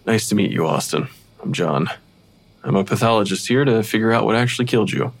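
A gravelly, exasperated pathologist. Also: male voice, fairly low pitch, lively intonation, fairly quick. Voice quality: dry, exasperated. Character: exasperated male pathologist who hears ghosts. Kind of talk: audio drama acting.

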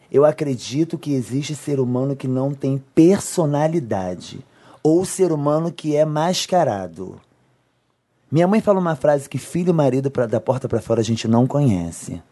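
A woman's voice: rumbling low, normal speed, breathy edge. A woman on a talk show panel, telling stories in casual chat and mocking what she hears. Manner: animated, mocking, laughs while telling stories.

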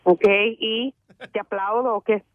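A woman's voice: mid-range voice, steady tone, a little slow. Give me a jealous, insulting woman, heard over a phone line with chatter behind. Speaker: prank call target. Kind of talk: phone call on radio. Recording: tinny phone line with crowd noise.

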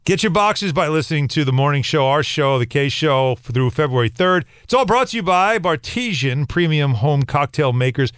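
A man's voice: on the high side, lively intonation, moderate pace, hardly any pauses, fairly bright tone, smooth, dry recording, clean studio sound. Joking male sports radio host. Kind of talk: live ad read and casual banter.

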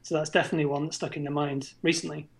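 A man's voice: a little high, little pitch movement, racing, vocal fry. A man chatting casually as a podcast guest, in a droll, understated way. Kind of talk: casual chat.

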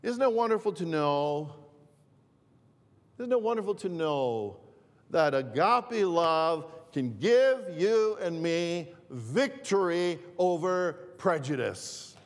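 A man preaching a sermon as pastor, repeating and restarting his phrases in a deliberate way. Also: a little high, animated, big-room sound. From northern Greece.

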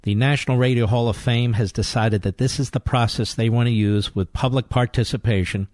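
Male talk-radio host, mid-range voice, forceful and indignant, dry studio mic. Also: medium pitch, fairly even intonation, fairly quick, no room sound. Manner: forceful, indignant, rhetorical questions. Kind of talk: talk radio monologue and call-in.

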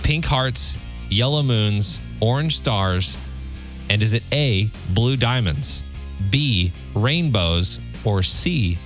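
A man's voice: fairly low pitch, animated, takes it slowly, faint music behind. A man co-hosting on radio, talking casually and chattily as he runs a quiz and banters. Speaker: radio co-host.

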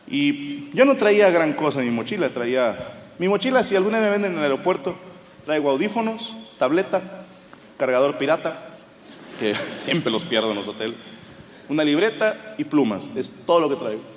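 A Mexican man with a Mexican Spanish accent does live stand-up, swearing freely and storytelling with animated energy in a slightly higher-than-usual voice. His voice carries a long reverb tail through the venue, and a steady layer of audience sound sits clearly beneath it. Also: normal speed, a little hiss or hum. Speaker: stand-up comedian.

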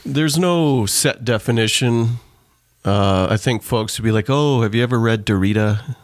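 A Trinidadian author and pastor speaks earnestly as a guest in an interview conversation, explaining his ideas at length. His voice is medium in pitch at a moderate pace. The sound is clean studio audio with no echo.

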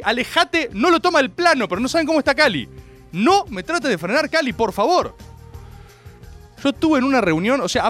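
A man speaking Rioplatense Spanish hosts a comic radio monologue from a studio. His voice sits high and leaps around, from shouted bursts to low, mock-grave asides. Faint music plays underneath. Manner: theatrical, swings between loud outbursts and mock-grave asides. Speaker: radio show host. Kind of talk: comedic radio monologue, streamed live.

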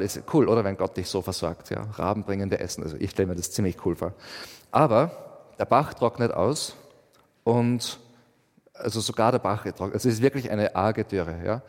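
A man preaching a sermon in a chatty, conversational way, often checking in with "ja?" and filling pauses with "ähm". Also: fairly low pitch, a little mellow, big-room sound. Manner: conversational, with frequent "ja?" and "ähm" asides. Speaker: pastor.

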